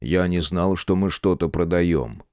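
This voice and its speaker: Man voicing a calm friend, slow low drawl, audiobook, dry sound. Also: clean tone, dry recording.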